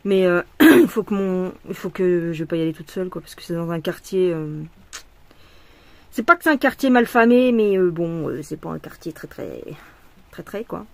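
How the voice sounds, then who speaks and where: A woman's voice: fairly low pitch, normal speed, gravelly, darkish tone. A woman vlogging casually while she embroiders, venting her frustration, swearing and rambling with lots of restarts. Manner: rambling with many restarts and fillers. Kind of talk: casual vlog while stitching.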